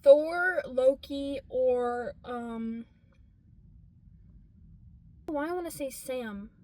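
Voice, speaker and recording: A woman's voice: high voice, very slow, darkish tone, dry recording. A young woman hosting a casual chat from a car's front seat, laughing often and swearing freely. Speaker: podcast host.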